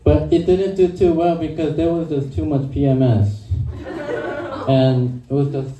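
Someone in the audience filmed this young Korean stand-up comic holding a handheld mic in a small club; his voice is on the high side, flat and a little slow, hesitant with many ums and uhs. The recording is muffled, distant, echoey and noisy, with crowd laughter and ambient room sound.

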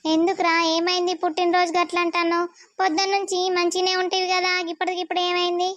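A woman's voice: very high-pitched, monotone, fast, no room sound. A woman voicing a fussing village mother. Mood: worried. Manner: fussing, questioning. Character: worried caring village mother of a son.

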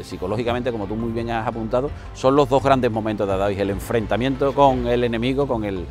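A middle-aged man hosting a cultural interview outdoors in a city square, fluent and assured. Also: lowish voice. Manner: fluent, assured, literary phrasing. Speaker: host and interviewer.

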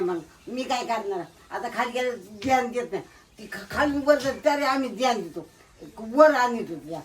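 A woman's voice: on the high side, far from the mic. A woman resident of an old-age home, reasoning and urging others to make peace. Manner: reasoning, conciliatory.

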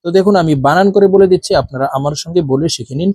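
A man teaching Quran reading, spelling out letters and vowels slowly so learners can repeat after him. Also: fairly high pitch, mellow, no room sound. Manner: slow, drawn-out spelling of each letter and vowel. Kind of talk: spelling-out recitation lesson.

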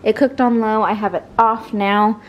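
A woman's voice: fairly high pitch, fairly even intonation, moderate pace. Chatty woman filming her home kitchen. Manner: chatty, talks while cooking, many restarts. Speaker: home cook vlogger. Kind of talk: casual cooking vlog narration.

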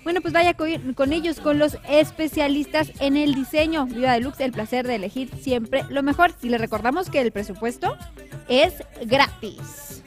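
A woman co-hosts a live morning show in a high voice. She chimes in briefly and reads sponsor copy brightly. Faint music sits in the background. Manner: friendly, quick interjections, reads sponsor plugs. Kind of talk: casual live TV chat.

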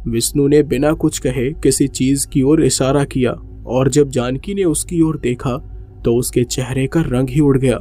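A man narrating a horror story in a steady, suspenseful way. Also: mid-range voice, unhurried, faint music behind.

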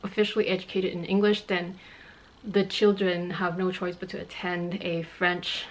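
A woman in her thirties from Montreal, Canada, first language Cantonese, runs a chatty fashion Q&A vlog in her bedroom, gesturing with her hands and laughing often. Her voice sits on the low side with little pitch movement at a normal speed, and the audio is poor.

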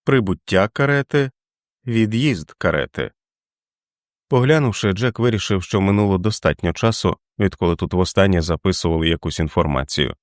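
Male narrator, low register, even measured delivery, dry studio sound. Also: no echo. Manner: steady, measured reading. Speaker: audiobook reader. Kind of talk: scripted narration.

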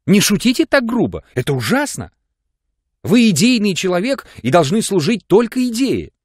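A man's voice: high voice, big pitch swings, moderate pace, husky, dry recording, studio quality, voice pushed up, exaggerated voice. A man voicing Zinaida Fyodorovna, a desperate, tearful woman who pleads with her lover in an audiobook. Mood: pleading. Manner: sobbing, pleading, overwrought.

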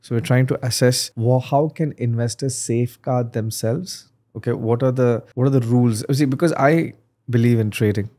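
A man in his thirties from Dubai hosting a podcast interview, animated and gesturing as he talks at a desk microphone. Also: medium pitch, moderate pace. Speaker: podcast host. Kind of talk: conversational interview. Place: studio set with desk. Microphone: desk boom mic.

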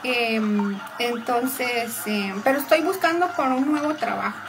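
A woman's voice: on the high side, measured pace, noisy background. A young woman chatting casually on a live stream, upbeat and greeting and thanking viewers by name. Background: music.

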